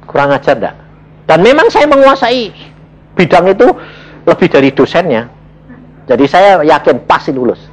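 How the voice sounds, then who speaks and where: A middle-aged man preaching a sermon, telling personal stories and acting out his own dialogue with God, at times in high shouts. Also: very animated, normal speed, pauses often, low-quality recording. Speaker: evangelist preacher.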